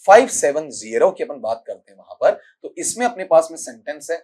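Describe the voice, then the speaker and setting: Husky and darkish in tone, this man's medium-pitched voice carries a Rajasthani accent as he teaches exam-focused English grammar. He breaks things down step by step, puts questions to his students and calls them "beta" throughout the lecture.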